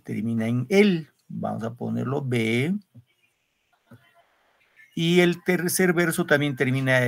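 A man's voice: medium pitch, creaky. A male secondary school literature teacher giving an online class over a video call, explaining step by step and often checking with students. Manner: explains step by step, keeps asking students questions with tag "¿no?".

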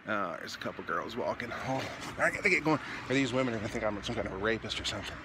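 A man's voice: lowish voice, animated, fast. Winded man on a night walk. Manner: tired, winded, chatty. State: out of breath. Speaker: vlogger. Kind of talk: casual walking vlog. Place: dark residential street outdoors at night. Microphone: phone held at arm's length. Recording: noisy outdoor phone recording.

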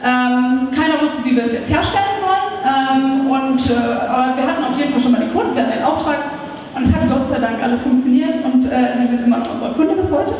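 On a meetup stage, a startup founder with a high, lightly lilting voice talks fast into a handheld mic, chatty and lively and full of small filler sounds. Her conference talk was recorded from far across a big hall, so it carries heavy echo with a long tail and a faint hiss or hum.

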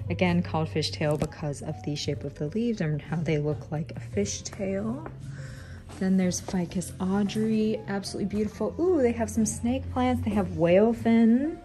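In an unhurried, medium-pitched voice, a woman in her thirties who vlogs about plants eagerly narrates her way through an indoor plant shop. The casual shop-along has background music playing beneath it.

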